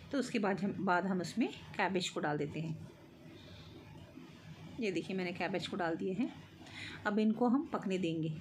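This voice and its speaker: A woman's voice: medium pitch, noisy background. A middle-aged woman vlogging in her home kitchen, casually explaining each cooking step with light laughs.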